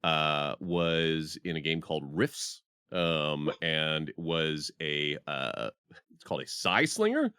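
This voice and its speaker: Deep-voiced man, hesitant and rambling. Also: very animated, slow, bright, forceful tone, clear, resonant tone, no echo, clean studio sound. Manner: hesitant, with many ums and restarts. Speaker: podcast co-host and streamer. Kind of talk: casual chat.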